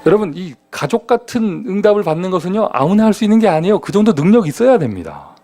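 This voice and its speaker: Male pastor, sermon, lively swooping delivery, slightly high voice, rhetorical questions. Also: fast. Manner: animated, conversational preaching with rhetorical questions. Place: church sanctuary.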